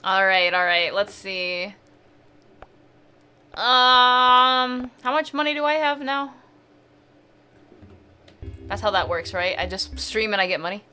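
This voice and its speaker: A woman's voice: fairly high pitch, lively intonation, slow pace, long pauses, bright, forceful tone, clear, resonant tone. A woman streamer chatting casually over gameplay, thinking aloud and asking herself questions.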